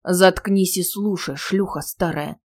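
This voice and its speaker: A woman reading an audiobook who voices a threatening male attacker in a hoarse, deliberately disguised deep voice. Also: darkish tone. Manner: threatening, low and clipped.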